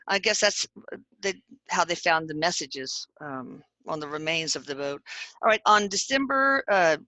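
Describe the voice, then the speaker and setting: A middle-aged woman hosts a casual chat, reading from notes in a chatty, jokey way, adding asides and spelling out names. Her voice is on the low side, bright and forceful. The recording is low quality and dry, with no room sound.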